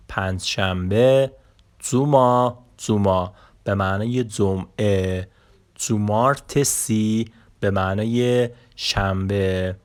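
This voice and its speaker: Man, language teacher, slow repetitive drilling, lowish voice. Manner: slow, repeating each word for learners. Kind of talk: Turkish vocabulary lesson.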